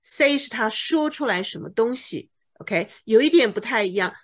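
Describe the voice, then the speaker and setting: With a fairly high, lively voice and an even, moderate pace, this English vocabulary tutor walks through word meanings patiently. She keeps repeating important words and asks "OK?" often to make sure the learner follows.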